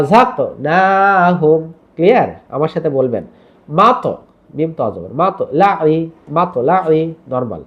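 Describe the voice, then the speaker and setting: A man's voice: on the high side, a little mellow, muffled recording. A man teaching Quran recitation rules, explaining step by step and repeating syllables for learners to copy. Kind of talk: tajweed lesson with recitation drills.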